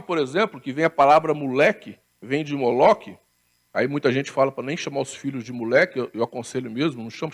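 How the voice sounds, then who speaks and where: A Brazilian pastor with a high-pitched, creaky voice preaches a sermon in church. His style is chatty and conversational, full of stories, with frequent tag questions seeking agreement and laughter at his own anecdotes.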